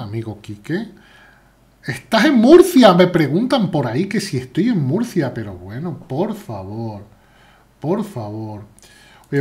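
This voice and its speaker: A man's voice: mid-range voice, a little mellow, husky. A man with a Spain Spanish accent, chatting playfully as he plays live chess and answers viewers' chat. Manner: chatty, playful, reads chat aloud while playing. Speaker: chess streamer. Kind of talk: live chess stream commentary.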